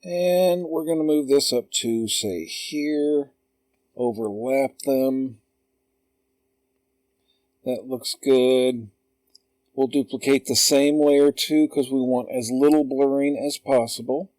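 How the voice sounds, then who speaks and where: A man calmly talking through a drawing tutorial step by step, in an unhurried voice-over. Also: medium pitch, no echo. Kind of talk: slow screen-recorded tutorial.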